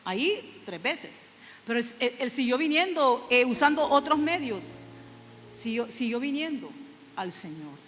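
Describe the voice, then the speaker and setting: A woman's voice: on the high side, lively intonation, measured pace, fairly bright tone, in a large hall, faint music behind. A middle-aged woman preaching a sermon, emphatic and repetitive, often asking the congregation "¿sabe?". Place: church sanctuary.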